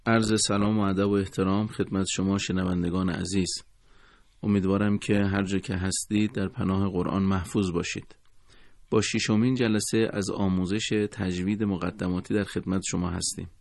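A man teaching a recorded lesson on Quran recitation, speaking in a formal, courteous and measured way. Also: deep voice, little pitch movement, gravelly, a little mellow, dry recording, clean studio sound.

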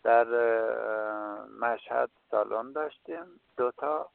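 A man's voice: medium pitch, gravelly, dry recording, phone-quality sound. A man answering questions as a filmmaker in a radio interview, hesitant and full of filler sounds. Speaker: filmmaker guest.

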